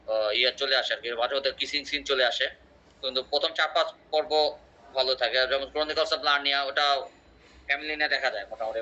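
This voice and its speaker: A man's voice: mid-range voice, bright, forceful tone. A man teaching an English class, explaining with examples and quizzing his students. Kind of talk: online class lecture. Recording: muffled lo-fi audio.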